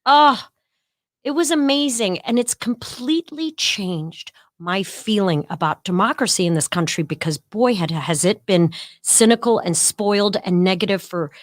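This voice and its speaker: A middle-aged woman, a podcast guest, telling a story in an animated way and acting out the voices of the people she quotes. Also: medium pitch, normal speed, no room sound, clean studio sound. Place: podcast studio.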